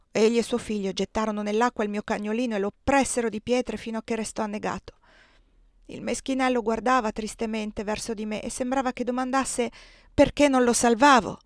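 A woman's voice: mid-range voice, dry recording, lightly acted. A woman reading the part of an enslaved young husband who speaks grimly and bitterly about his master, in a dry, close audiobook recording.

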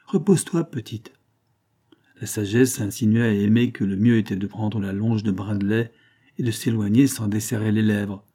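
Male audiobook narrator, measured and even; dark, slightly husky voice. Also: on the low side.

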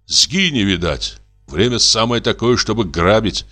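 A man's voice: lowish voice, animated, measured pace, pushed and bright, faint music behind. A man reading an audiobook, voicing a bold, impatient hunter who speaks in urgent commands.

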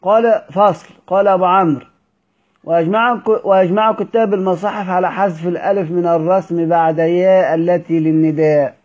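A man's voice: high voice, fairly even intonation, brisk, darkish tone, muffled recording. Egyptian man teaching from a classical text. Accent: Egyptian Arabic. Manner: alternates formal reading with colloquial explanation, asks students questions. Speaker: teacher of Quran orthography. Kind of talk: reading a classical text aloud and explaining it.

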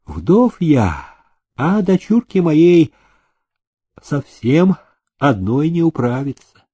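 A man's voice: a little high, big pitch swings, mellow, breathy edge, voice pushed up, full character voice. A man voicing a humble old village father. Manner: deferential, slow and careful.

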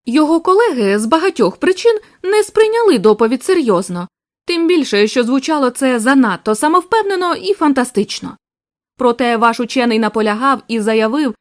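A woman's voice: high voice, no echo, studio quality. A woman reading a drawling, skeptical American captain. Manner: drawling, questioning.

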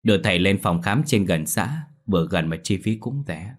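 A man's voice: sits low, expressive, moderate pace. A man voicing a grumbling, tight-fisted younger son, in a spoken story. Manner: scoffing.

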